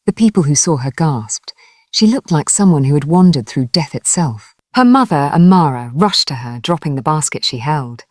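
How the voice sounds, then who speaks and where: A woman with a low voice tells a dramatic folktale, her expressive delivery rising and falling widely at a moderate pace. The recording is close and dry, with no room sound.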